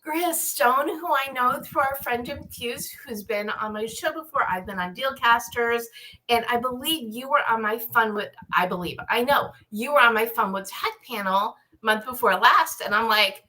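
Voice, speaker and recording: A woman's voice: a little high, moderate pace, bright, forceful tone, rough recording. A woman hosting a live panel show, chatty and rambling, often interrupting herself as she goes. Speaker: live show and podcast host.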